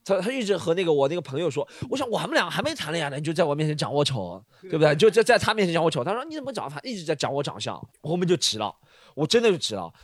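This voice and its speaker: A man's voice: on the high side, very animated, very fast, no room sound. A man hosting a podcast, telling a story in casual chat, acting out the quoted lines and laughing often. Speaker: podcast host.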